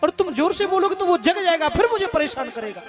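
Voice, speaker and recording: A man's voice: extremely high pitch, big pitch swings, brisk, pitched above the performer's own voice. A male storyteller voicing an aged, heartbroken mother who dotes on her little son, in a plaintive sing-song way. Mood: doting. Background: instrumental music.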